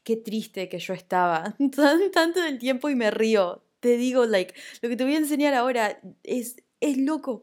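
A young woman with a Rioplatense accent, hosting a casual solo podcast in an upbeat, chatty, confiding way. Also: a little high. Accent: Rioplatense Spanish. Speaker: podcast host.

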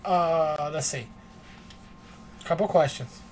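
Low-talking man right on the mic. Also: takes it slowly, slight background noise. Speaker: podcast host. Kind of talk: casual chat. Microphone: close to the mic.

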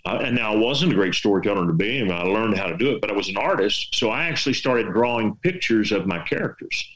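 This veteran storyteller and artist from West Texas speaks fast and animated, his voice on the low side and a bit bright, with a Texas accent. He gives folksy, rambling writing advice in a casual chat, full of rhetorical questions. The recording quality is low.

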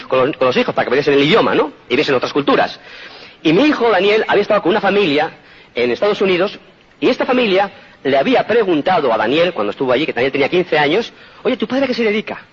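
Spanish man in his forties, earnest motivational storyteller, husky voice, dull lo-fi sound. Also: on the high side, big pitch swings, fast. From Spain. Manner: earnest storytelling, addresses audience directly. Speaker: speaker giving a testimonial talk. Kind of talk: motivational talk. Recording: dull lo-fi recording.

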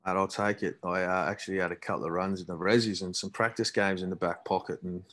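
A man's voice: sits low, steady tone, fast talker, a bit bright. A young Australian man chatting casually in a laconic, dry, self-deprecating drawl. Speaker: podcast guest, amateur footballer. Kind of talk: casual chat.

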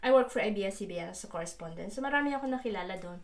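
A woman's voice: mid-range voice, animated, racing. A middle-aged Filipino woman telling personal stories casually, switching between Tagalog and English mid-sentence. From Philippines.

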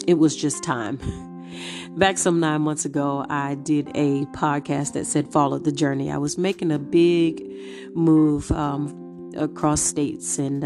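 A low-voiced, congested middle-aged woman talks through her solo podcast. She speaks at an unhurried pace, filling her pauses with ums. Guitar music plays clearly behind her. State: congested from a cold. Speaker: podcast host. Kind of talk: casual solo podcast talk.

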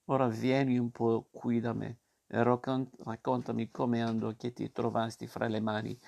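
A man reading a storybook aloud and voicing a patient, motherly fairy who calmly scolds a child. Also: medium pitch, moderate pace, vocal fry, lightly acted. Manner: calm, gently scolding.

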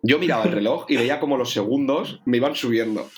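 A man telling a race story in casual chat, lively and full of swearing, acting out his own thoughts. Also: mid-range voice, fast talker. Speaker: podcast co-host, triathlete.

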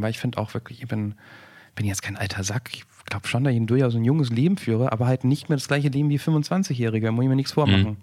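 A man's voice: medium pitch, a little mellow. A man in his forties talking casually and thoughtfully on a podcast, rambling with frequent restarts and fillers. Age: 40s. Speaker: podcast co-host.

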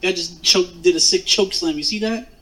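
A man's voice: high voice, normal speed, fairly bright tone, low-quality recording. A man chatting casually as a co-host, giving blunt, profane, slangy off-the-cuff commentary. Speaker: co-host of a wrestling watch-along.

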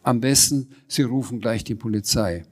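A man voicing an excited delivery man who talks in a hurried, flustered way in a storybook reading. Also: mid-range voice, husky, lightly acted.

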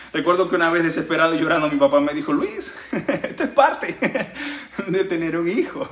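A man's voice: a little high, fairly bright tone, echoey room. A man from preaching a sermon as a pastor, earnest and chuckling between points.

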